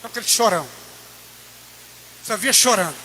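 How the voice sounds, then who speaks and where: A man from Brazil, his voice sitting high and animated, takes an unhurried pace while preaching his personal testimony in church. His fervor rises to near-shouted peaks, and a little hiss or hum runs under the recording.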